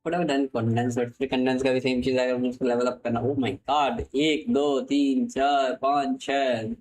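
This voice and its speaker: A young man from India streaming a game live, with an Indian English accent, excitable and cursing, switching between Hindi and English mid-sentence. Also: medium pitch, measured pace, poor audio. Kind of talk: live gaming stream commentary.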